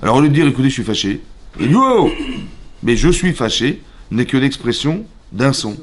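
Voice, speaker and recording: A man teaching a lively Torah class in a synagogue, acting out shouts and sounds and questioning his listeners. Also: medium pitch, fairly quick, slight background noise. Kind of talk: animated Torah lesson.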